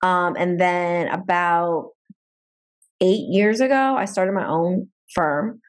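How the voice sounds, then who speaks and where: A woman in her forties, a lawyer talking through her background in a relaxed, thoughtful way with many pauses. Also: on the low side. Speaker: guest, entertainment lawyer. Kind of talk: casual interview talk.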